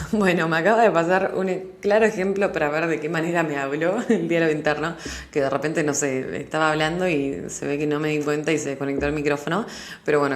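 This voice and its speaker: A woman's voice: sits low, echoey room. A young woman with a Rioplatense Spanish accent hosting a solo podcast, explaining animatedly with everyday examples. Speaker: podcast host. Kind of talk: casual solo podcast talk.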